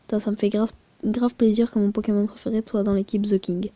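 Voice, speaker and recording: A woman's voice: mid-range voice, little pitch movement, brisk, mellow, no room sound, lo-fi sound. A woman giving crude, rambling, chatty commentary while showing her mobile game, with muttered asides. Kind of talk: casual screen-recording commentary.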